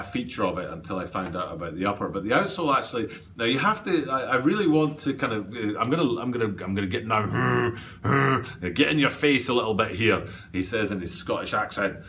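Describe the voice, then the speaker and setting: A man talks through a sneaker review indoors in a loose, enthusiastic way, full of ums and restarts. His voice is low and sits a little back from the microphone. A faint hum of background noise runs underneath. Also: fairly bright tone, far from the mic. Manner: enthusiastic, rambling with many fillers and restarts. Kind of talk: casual product review. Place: indoor room.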